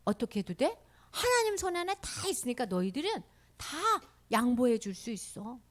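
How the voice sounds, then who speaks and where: A woman's voice: fairly high pitch, big pitch swings, moderate pace. A woman telling a Bible story in a children's sermon, asking the children questions and dropping into whispers.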